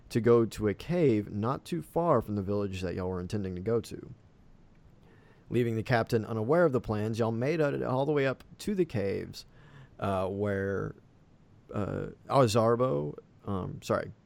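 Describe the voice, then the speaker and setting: A man's voice: lowish voice, gravelly, a little mellow. A man running a tabletop game as game master, narrating loosely with many fillers.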